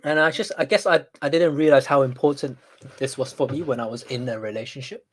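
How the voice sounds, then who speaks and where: A man's voice: mid-range voice, a little fast. A young man chatting as a guest on a talk show, easygoing and jokey. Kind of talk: casual chat.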